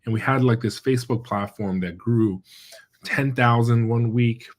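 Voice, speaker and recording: A middle-aged man speaks at a medium pitch and normal speed, chatting casually as a guest epidemiologist in an interview. Born in China, he grew up in the American Midwest and central Pennsylvania, and his talk is hesitant, full of fillers and restarts.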